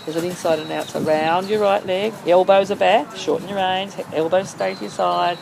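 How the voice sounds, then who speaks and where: A woman's voice: lowish voice, steady tone, moderate pace, vocal fry. A woman working as a horse-riding instructor, calling out short, insistent, repeated coaching commands in an outdoor arena. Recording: outdoor noise over camera microphone. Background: outdoor ambient noise.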